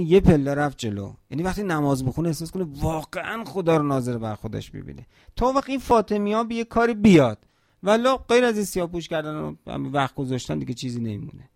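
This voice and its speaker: A man's voice: a little high, vocal fry, darkish tone, no room sound, studio quality. A man preaching a religious sermon at a mourning gathering, emphatic, asking rhetorical questions and quoting scripture in Arabic.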